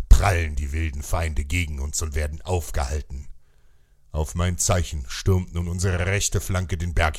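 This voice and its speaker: Very deep-voiced man, epic narration. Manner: grave, rousing war-speech delivery.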